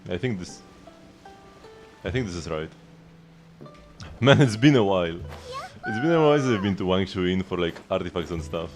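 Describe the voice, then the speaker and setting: Casual gaming livestream talk comes from a man with a deep voice and lively intonation. He moves at a moderate pace but leaves long pauses, thinking aloud between moments of chatting with viewers, with music underneath.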